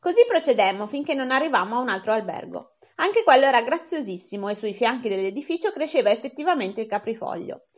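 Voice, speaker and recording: A woman's voice: on the high side, big pitch swings, quick pace, hardly any pauses, highs cut off. A woman reading a novel aloud as an audiobook narrator, giving the dialogue small voice shifts and now and then stumbling and restarting a word. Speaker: audiobook reader.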